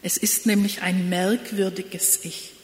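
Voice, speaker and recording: A woman pastor giving a slow, reflective sermon in a church. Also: mid-range voice, little pitch movement. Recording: echoey church with long reverb.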